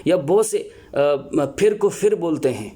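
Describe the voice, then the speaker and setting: A man lecturing as a teacher, earnest and explanatory, pausing often to find his words. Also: a little high, sing-song, dark tone, breathy edge. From Pakistan. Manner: earnest, explanatory, with many filler pauses and restarts. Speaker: Urdu teacher. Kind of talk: spoken lecture on teaching Urdu.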